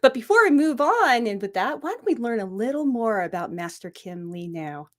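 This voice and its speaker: A woman's voice: fairly high pitch, very animated, normal speed. A woman hosting a talk show interview, effusive and admiring, stretching out words for emphasis. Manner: warm-toned, effusive and admiring, drawing out key words.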